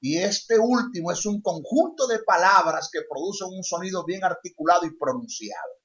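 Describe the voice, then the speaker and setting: A man's voice: sits high, normal speed, fairly bright tone. A male preacher teaching a sermon emphatically, repeating his key phrases. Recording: dull lo-fi sound.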